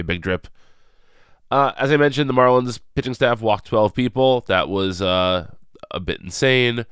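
A man's voice: sits low, fairly bright tone, smooth, no echo, studio quality. A man with a head cold and a nasal voice, hosting a casual solo recap podcast with rambling, self-correcting talk. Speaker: podcast host.

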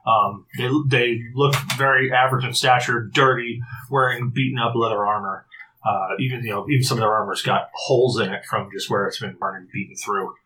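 A man running a tabletop game as game master, describing the scene with halting, filler-laden narration. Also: medium pitch, fairly even intonation, bright, forceful tone, slight background noise, low-quality recording.

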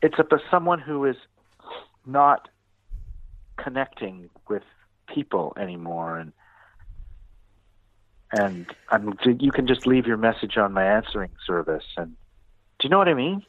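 A man's voice: lowish voice, sing-song, a little slow, pauses often, dry recording. A man co-hosting a music podcast, talking casually and rambling, with many restarts and fillers. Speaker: podcast co-host. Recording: tinny phone-like audio.

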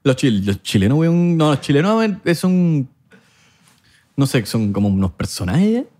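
A man's voice: medium pitch, big pitch swings, moderate pace, a little mellow. A man from Venezuela with a Venezuelan accent, co-hosting a podcast in casual, joking, slang-filled banter. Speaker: podcast co-host. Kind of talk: casual chat.

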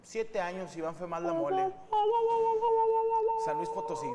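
Animated Mexican man, lively pitch. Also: a little slow, big-room sound, over loud music. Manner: animated, rambling, joking. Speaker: podcast co-host. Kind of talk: comedic podcast banter.

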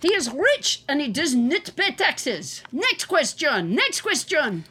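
A woman's voice: high voice, big pitch swings, slow, a loud crowd, heavily acted. A woman voicing a crude, boastful male president in a comedy press conference parody, blunt and pompous. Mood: smug, dismissive.

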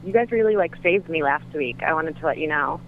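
A woman's voice: sits low, animated, brisk. A woman calling in over the phone, chatting casually and hesitantly with plenty of ums. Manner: hesitant, with many ums and uhs. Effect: heard over the phone. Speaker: caller. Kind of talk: casual call-in chat. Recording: tinny phone line with faint noise.

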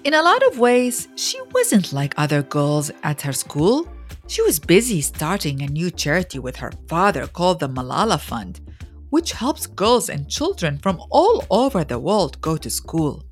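Reading as narrator of a scripted storybook biography, a woman uses a fairly low pitch and a measured, expressive delivery marked by dramatic pauses. Faint music plays behind her.

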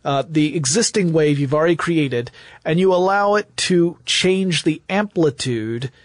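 A podcast host talks enthusiastically through technology history in conversation, using hypothetical examples. His voice sits on the high side at a measured pace, in studio quality with no echo.

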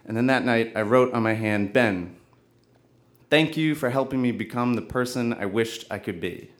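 Earnest man telling a personal story. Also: medium pitch. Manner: earnest, halting, with restarts. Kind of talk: personal story told live on stage.

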